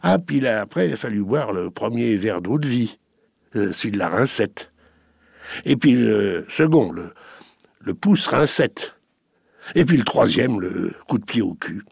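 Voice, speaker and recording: A man telling a story aloud in a lively spoken way. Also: fairly low pitch, a little slow, vocal fry, breathy edge, no echo, clean studio sound. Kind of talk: oral storytelling.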